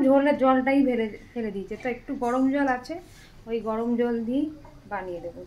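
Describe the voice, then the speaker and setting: A woman, chatting casually through her household routine as a home vlogger. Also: sits high. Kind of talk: casual home vlog narration. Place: home, garden, balcony and kitchen. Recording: loud background noise from cooking.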